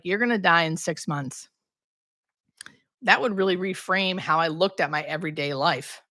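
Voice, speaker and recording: A woman's voice: lowish voice, fairly bright tone, no room sound, studio quality. A woman talking candidly and conversationally as a hospice nurse hosting a casual livestream, thinking aloud as she answers questions.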